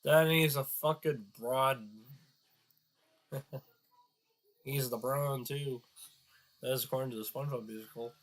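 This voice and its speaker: A man's voice: medium pitch, fairly even intonation, measured pace, long pauses. A man giving crude, sarcastic reaction commentary on a video, stuffed up and nasal from a cold. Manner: crude, sarcastic, swears often, muttering asides.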